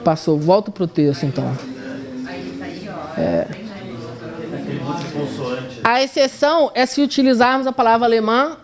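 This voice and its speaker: A woman's voice: a little high, sing-song, a crowd in the background. Brazilian woman academic reading her paper. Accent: Brazilian Portuguese. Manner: measured reading with hesitant asides to the slide operator. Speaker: university historian presenting a paper. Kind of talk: academic conference talk, reading a prepared paper.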